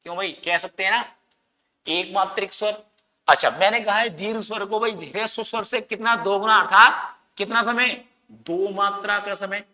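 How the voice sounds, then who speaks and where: With a high, steady, sharp-toned voice at normal speed, a man runs an exam-prep grammar lesson, posing questions to his students and answering them himself while stretching words dramatically for emphasis. The recording carries a long, echoing reverb.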